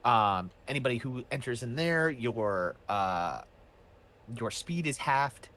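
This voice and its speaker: A man's voice: medium pitch, animated, takes it slowly, fairly bright tone. Laid-back man running a tabletop game. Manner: casual, many fillers and restarts. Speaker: game master.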